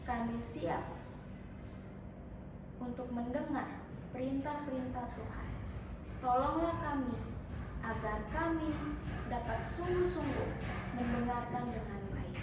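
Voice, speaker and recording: A woman leading an opening prayer in a slow, earnest way. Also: a little high, very echoey, far from the mic, background noise. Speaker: prayer leader.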